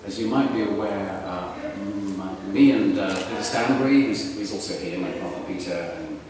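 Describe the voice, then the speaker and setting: A man's voice: on the low side, normal speed, crowd noise. A middle-aged man from Essex with a southern English accent, talking in a chatty, digressive and emphatic way in a live on-stage conversation. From Essex, England. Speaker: comics curator and panel speaker. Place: large echoey room, public festival talk. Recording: echoey hall from far off, faint noise.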